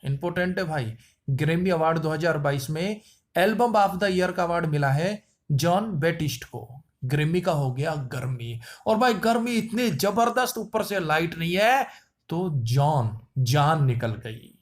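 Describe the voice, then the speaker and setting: A man's voice: on the high side, animated, moderate pace. A man teaching general-knowledge quiz answers with playful wordplay and repetition. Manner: playful wordplay, repeats lines. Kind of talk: memory-trick quiz lesson.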